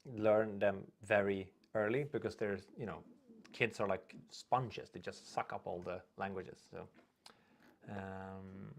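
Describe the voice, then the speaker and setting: His voice is lowish and gravelly, kept steady as he takes things slowly. He's a young Swedish livestream host speaking English as a second language, rambling casually, reading viewer comments aloud and tripping over his words.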